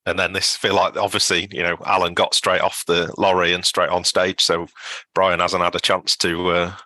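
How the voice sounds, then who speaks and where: A man's voice: low-pitched, little pitch movement, normal speed, bright, forceful tone, no echo. A man co-hosting a podcast, chatting casually and thinking aloud with questions and restarts. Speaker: podcast co-host. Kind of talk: casual recap chat.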